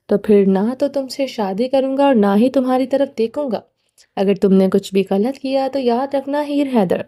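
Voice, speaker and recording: A woman's voice: high voice, dark tone, natural voice. A woman reading the part of a menacing, short-tempered young man in a storybook, in a cold, commanding way.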